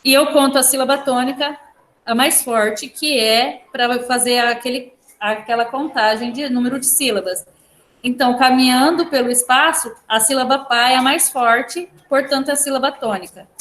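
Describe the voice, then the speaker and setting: A woman's voice: fairly high pitch, fairly bright tone. A woman teacher with a Brazilian accent giving a poetry lesson in a classroom, explaining step by step and often checking in with "tá?". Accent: Brazilian Portuguese. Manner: explains slowly, often adding "tá?". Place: school classroom. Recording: echoey classroom, faint noise.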